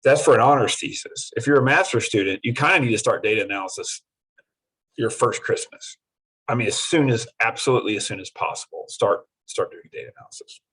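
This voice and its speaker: A man's voice: mid-range voice, a little fast, a bit bright, breathy edge, poor audio. A middle-aged man lecturing a university class in an earnest, repetitive way. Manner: earnest, repetitive, acts out students in quotes.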